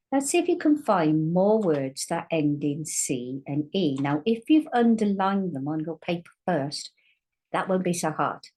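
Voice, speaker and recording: Slow, patient woman teaching phonics. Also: deep voice, a little mellow, rough recording. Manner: slow, patient, sounds letters out repeatedly. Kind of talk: recorded online spelling lesson.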